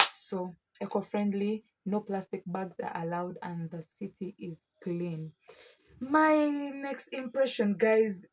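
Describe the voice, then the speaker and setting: A young woman with a Ugandan, East African accent talks casually to her vlog viewers. Her voice is mellow and soft-edged, with some huskiness. She is expressive and emphatic, addressing listeners like friends. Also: fairly low pitch, low-quality recording. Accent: Ugandan East African English. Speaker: vlogger.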